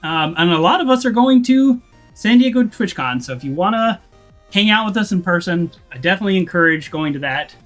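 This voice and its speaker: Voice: medium pitch, expressive, brisk, soft background music. A game streamer chatting casually to viewers during a live stream, with frequent restarts and little laughs.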